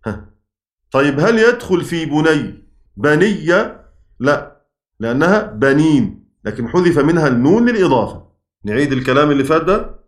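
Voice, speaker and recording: A man's voice: on the high side, very animated, moderate pace, reverberant. A man with an Egyptian Arabic accent, teaching a class on Quranic spelling, often repeating key words and asking the students questions. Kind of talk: classroom lesson.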